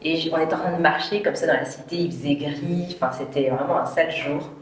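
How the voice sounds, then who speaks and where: A woman's voice: low voice, fast, echoey room, far from the mic. A woman from Paris, in her thirties, chatting casually as an interview guest, laughing often and filling with hesitations. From Paris, France. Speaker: entrepreneur guest.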